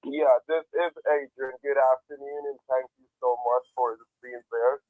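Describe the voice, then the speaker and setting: A man's voice: medium pitch, steady tone, moderate pace, dry recording. Pushy man on a phone line. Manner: pushy, keeps checking with "all right?". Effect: heard over a phone call. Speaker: phone caller posing as an attorney. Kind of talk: pressuring sales-style phone pitch.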